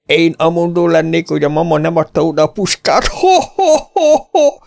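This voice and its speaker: A man voicing a loud, bull-necked saloon bully who jeers and shouts. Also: a little high, very animated, vocal fry, pitched above the performer's own voice. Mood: jeering.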